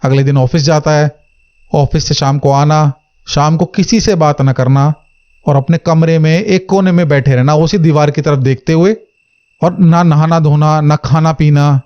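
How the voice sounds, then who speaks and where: A man's voice: on the high side, steady tone, normal speed, darkish tone, highs cut off. A man telling a horror story in a casual conversational way, talking straight to his listeners and lightly acting out the characters' lines. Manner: conversational, addresses listeners directly, acts out dialogue lightly.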